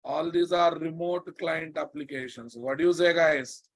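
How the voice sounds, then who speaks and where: A man's voice: on the high side, normal speed, creaky. A man with a Telugu Indian accent teaching a live online technical class as an instructor, repeating key phrases emphatically and often checking that students follow. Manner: emphatic repetition with frequent check questions to students. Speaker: programming instructor.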